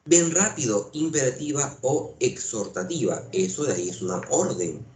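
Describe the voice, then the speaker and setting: A man's voice: mid-range voice, expressive, moderate pace, dark tone, a little hiss or hum. Guy teaching class, voice jumps up and down a lot, repeats everything, echoey room. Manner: repeats points, asks rhetorical questions. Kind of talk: lively classroom lecture.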